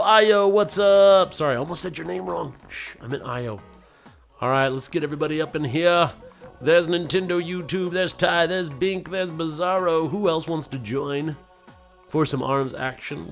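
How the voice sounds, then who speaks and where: A man hosting a casual game livestream, chatting loosely and playfully with viewers and slipping into silly voices. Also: a little high. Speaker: livestream host.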